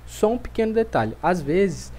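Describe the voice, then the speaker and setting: A man with a Brazilian Portuguese accent teaching a pronunciation lesson, speaking clearly and repeating each word slowly for drilling. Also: high-pitched, very animated, warm tone, slight background noise. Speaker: language teacher.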